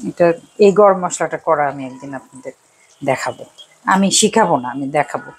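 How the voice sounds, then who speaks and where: A woman's voice: deep voice, normal speed, a little hiss or hum, poor audio. An older woman from Bangladesh hosting a cooking show, chatting in a rambling, casual way and chuckling often as she cooks in a home kitchen. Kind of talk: casual chat while cooking. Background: faint sizzle of frying.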